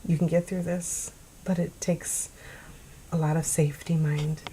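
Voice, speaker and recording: A middle-aged woman talking straight to camera, earnest and pleading, pausing and sighing as she holds back tears. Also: deep voice, little pitch movement, dark tone, slight background noise, rough recording. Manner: earnest, pleading, halting with sighs and pauses. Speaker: vlogger sharing her story. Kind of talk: personal address to camera.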